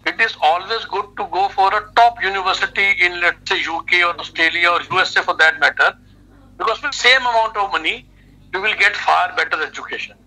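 A middle-aged man with an Indian accent, an education adviser appearing as an expert guest, explains points emphatically during an interview on a phone video call through a phone speaker. He talks fairly quickly in a high, bright, forceful voice, and the audio is poor.

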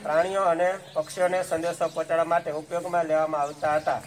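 A man's voice: a little high, level tone, fast, slight background noise. A male schoolteacher teaching a class of schoolchildren. He keeps checking in with the class, asks them questions and answers them himself.

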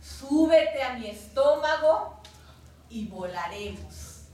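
A woman with a Mexican Spanish accent voicing a kindly female cloud who talks in a reassuring, gently playful way, recorded from afar in an echoey room. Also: on the high side, expressive, slow. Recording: echoey room, distant mic.

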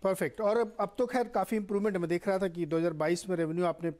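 A man anchoring a business news interview in a TV studio, asking measured questions with drawn-out fillers. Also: high voice, fairly even intonation, darkish tone.

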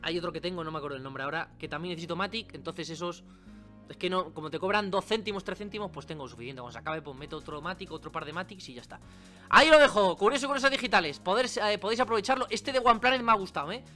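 Chatty bright-voiced man explaining. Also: sits high, lively intonation, very fast, faint music behind. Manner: chatty, informal, many asides and tag questions. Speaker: crypto channel host. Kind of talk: screen-recorded tutorial.

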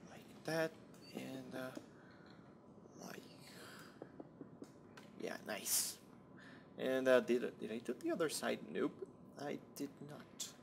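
Young dude doing lets play commentary, rambles, swears, mumbles to himself, slow and kinda gravelly. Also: male voice, medium pitch, noisy background. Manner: rambling, self-talking, swears often, mutters under breath. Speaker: Minecraft let's-play host. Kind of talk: casual gameplay commentary.

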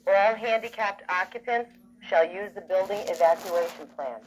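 A woman reads a formal, measured pre-recorded evacuation order, instructing listeners through a fire alarm speaker. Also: mid-range voice. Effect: played through a fire alarm speaker. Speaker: evacuation announcer. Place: small alarm speaker on carpet in a room, phone recording. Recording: dull, noisy alarm speaker playback.

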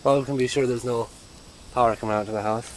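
A man's voice: medium pitch, fairly even intonation, quick pace, low-quality recording. Young man, handheld camera, outdoors in an overgrown yard, hesitant, mutters and trails off, faint outdoor noise. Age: young adult. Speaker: urban explorer vlogger. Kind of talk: handheld exploring vlog.

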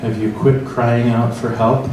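A man's voice: medium pitch, flat delivery. Man talking in an echoey hall. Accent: American Midwest. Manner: slow, reflective second-person storytelling. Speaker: priest leading a church forum. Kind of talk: guided meditation and interactive forum talk. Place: large church hall with tables of people. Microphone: handheld mic, filmed from far across the room. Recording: echoey hall, distant mic, room noise.

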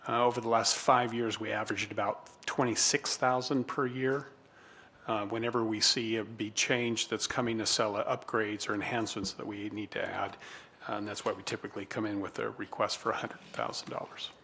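A man's voice: fairly low pitch, a little fast, slight background noise. A man presenting a budget request at a council meeting, with many uhs. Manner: flat, filler-laden report. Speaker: city staff presenter.

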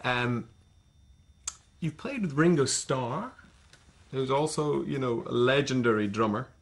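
A man interviewing a guest on TV, asking halting, hesitant questions. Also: mid-range voice, expressive.

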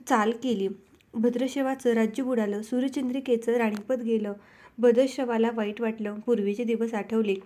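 A woman storyteller narrating a devotional tale in a measured, rhythmic recital. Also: a little high, dark tone.

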